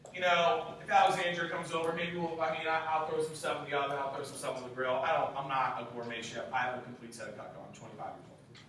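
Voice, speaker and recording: Young man, twenties, sales trainer, high-pitched, emphatic, rhetorical questions, casual swearing, very echoey room. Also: bright, forceful tone. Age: 20s. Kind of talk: motivational sales training talk. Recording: very echoey room, distant mic, faint hiss.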